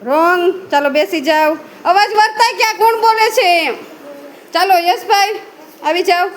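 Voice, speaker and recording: A woman teacher giving brisk, repeated commands and quick praise while she leads young children in a guessing game in a room full of kids. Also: very high voice, a little hiss or hum.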